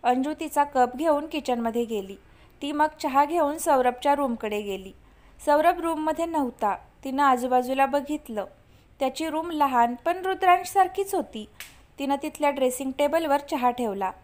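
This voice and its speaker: A woman reading a story aloud in a steady, measured way. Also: high voice. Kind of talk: scripted narration.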